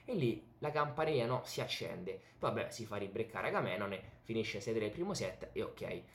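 A young man with an Italian accent giving an excited, emphatic, casual sports recap to camera in a home room. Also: lowish voice, normal speed. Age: young adult. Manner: excited, animated, emphatic with repeated words. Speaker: YouTube tennis commentator and host. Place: small home bedroom, indoors. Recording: roomy, echoey home room.

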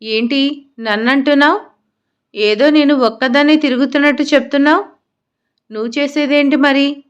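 A woman's voice: high-pitched, fairly even intonation, normal speed, pauses often, highs cut off, lightly acted. A woman voicing an arrogant young wife who talks back sharply and scornfully. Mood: defiant.

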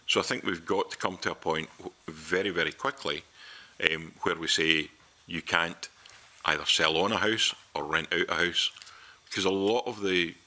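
A middle-aged Scottish man with a very low, flat voice and a bright, forceful edge. He speaks earnestly and persuasively at a committee table into a desk microphone. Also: normal speed. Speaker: committee witness. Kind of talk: parliamentary committee evidence. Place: large committee room.

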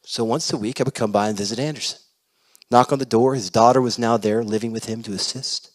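A male pastor preaching a sermon, telling stories in an animated way that swings between loud and hushed. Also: mid-range voice, quick pace. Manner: animated, shifting loud and soft. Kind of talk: storytelling sermon.

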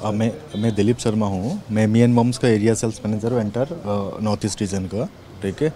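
A man's voice: fairly low pitch, moderate pace, a little hiss or hum. A man in his thirties, an area sales manager, answering interview questions in a children's clothing store, speaking into handheld mics held close and often adding "right". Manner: talks in a relaxed way, tags many phrases with "right" and "okay". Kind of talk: on-camera interview. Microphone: handheld reporters' mics held close.

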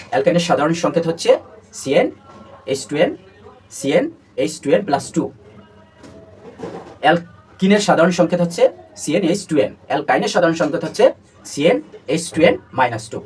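Fast-talking man teaching a chemistry class. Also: fairly high pitch, a little mellow, breathy edge. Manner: repeats terms drill-style, asks students questions. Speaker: chemistry tutor. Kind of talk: classroom lecture. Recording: distant mic with faint background noise.

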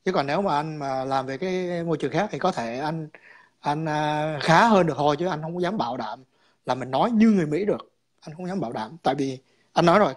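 A man calling in to a chat, explaining his views in a rambling way, repeating words and slipping in English terms. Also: on the high side.

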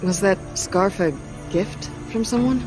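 An actress playing a sarcastic, quick-witted young woman in a video game, dry and flippant. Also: medium pitch, over music, lightly acted, rough recording.

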